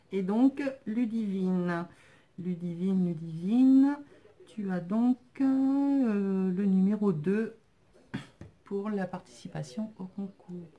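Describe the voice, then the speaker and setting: A woman crafting vlogger talks through her mail in an unhurried, easygoing way. Her voice is low-pitched and mellow, and her speech is full of little hesitations and thank-yous. The pace is slow throughout. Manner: chatty, thankful, many hesitations. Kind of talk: casual chat unboxing craft mail.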